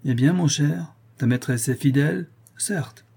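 A man's voice: a little high, measured pace, gravelly, warm tone, slightly rough, voice pushed up, full character voice. A man reading an audiobook voices a tipsy young cavalry officer who speaks with mock solemnity and teasing.

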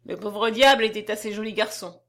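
A woman reading as a calm, grave old grandfather. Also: mid-range voice, brisk, close to an everyday voice. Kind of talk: audiobook reading.

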